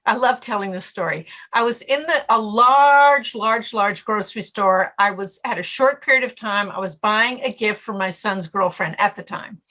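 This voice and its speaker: A woman's voice: mid-range voice, moderate pace, few pauses, sharp tone. A middle-aged woman, a guest on a podcast interview, who talks about stress and acts out her own inner voice as she tells stories. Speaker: guest author and stress coach.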